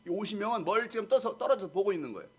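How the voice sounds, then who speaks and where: Middle-aged pastor guy, high voice, acts out the story w/ sound effects, super lively. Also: racing, slight background noise.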